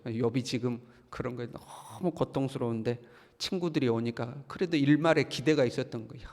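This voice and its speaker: Korean pastor preaching in a reverberant church. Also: male voice, medium pitch. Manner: acts out quoted speech in heated colloquial voice. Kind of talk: early morning sermon. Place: church sanctuary. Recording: long hall reverb.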